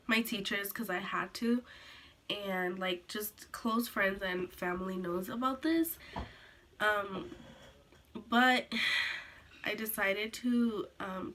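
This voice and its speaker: A teenage girl telling a sit-down story to her camera, rambling with lots of "like"s and restarts, a little hoarse from being sick. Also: mid-range voice, fairly bright tone. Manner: rambling, filler-heavy, many "like"s and restarts. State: recovering from illness, coughing. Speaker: vlogger.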